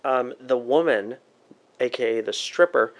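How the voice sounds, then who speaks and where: A man's voice: medium pitch, measured pace. A man talking as a podcast guest in loose, casual chat, swearing now and then.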